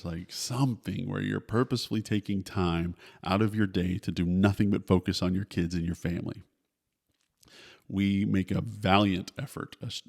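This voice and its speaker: A man's voice: sits low, creaky, a little mellow. A middle-aged man hosting a podcast, giving candid, down-to-earth parenting advice in a casual way. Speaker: podcast host.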